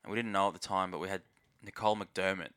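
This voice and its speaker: A man's voice: sits low, steady tone, fast, fairly bright tone. A man with an Australian accent talking casually about sport as a podcast co-host. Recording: close, dry podcast sound.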